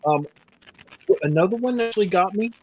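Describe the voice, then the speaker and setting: A man's voice: high voice, lively intonation, darkish tone, breathy edge. A man chatting casually on a podcast over an online call whose audio keeps breaking up and going muffled; he rambles and trails off. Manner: rambling, halting, lost for words. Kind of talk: casual chat. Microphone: computer mic over an online call. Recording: distant, cutting-out call audio.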